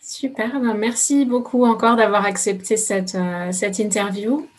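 A woman's voice: medium pitch, fairly even intonation, unhurried. A woman interviewing a guest, asking long, rambling questions with fillers and restarts. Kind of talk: casual interview.

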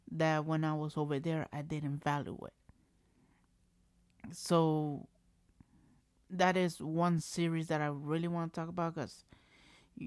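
A vlogger in his thirties with a slightly high voice recounts a personal story for his video series, with no room sound. He's candid and rambling, relying on "trust me" and "like," with a bit of mild cursing, while construction noise carries in from nearby his home.

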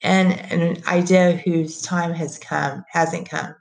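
A woman's voice: on the low side, steady tone, slow, creaky. A woman voicing a menacing, scornful middle-aged businessman who taunts and bullies. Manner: sneering, taunting.

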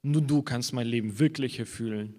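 A man preaching a sermon in an earnest way, slowing down when he quotes scripture. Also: medium pitch, dark tone, big-room sound.

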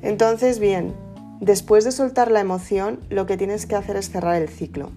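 A woman giving a casual, gentle self-help talk, often checking in with the listener. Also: mid-range voice, steady tone, moderate pace. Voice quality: soft, conversational, asks "¿no?" often. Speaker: emotional wellbeing speaker. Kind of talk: casual motivational talk to camera. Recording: soft guitar music underneath.

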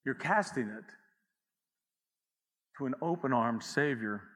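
A man's voice: medium pitch, expressive, slow pace, fairly bright tone, in a large hall. A man preaching a sermon as pastor, in a conversational way with asides and acted quotes.

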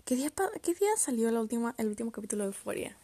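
A young woman chatting alone on her podcast, with a low, mellow voice and plenty of gravelly fry. She rambles, cuts herself off mid-thought, and keeps dropping into half-whispered mutters. The sound is dry and close. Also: sing-song, rapid-fire, no echo. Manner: rambling, self-interrupting, often drops to mutters and whispers. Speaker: podcast host. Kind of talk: casual solo chat about poetry.

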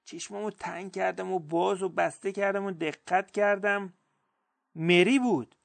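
A man narrating a first-person story in a measured, expressive storytelling manner. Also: high voice, vocal fry, no room sound.

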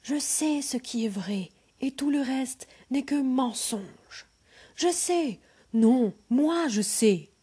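A woman voicing quarrelsome male scholars who insist loudly that they alone know the truth. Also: high voice, lively intonation, takes it slowly, slightly rough, voice pushed up, exaggerated voice. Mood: indignant. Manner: shouting over one another, insistent.

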